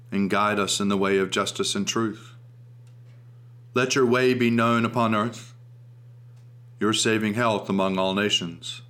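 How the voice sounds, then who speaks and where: A man leading liturgical prayer, reciting in solemn, measured phrases as an officiant. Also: on the low side, fairly bright tone.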